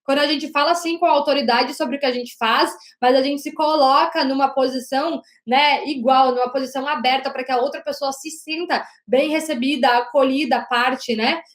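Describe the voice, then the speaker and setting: A woman teaching an online lesson on body language as a communication coach, talking loudly and emphatically and often checking in with the audience. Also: sits high, steady tone, fairly quick, few pauses. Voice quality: loud, projecting voice. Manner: emphatic, with frequent "né?" and "gente". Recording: roomy echo.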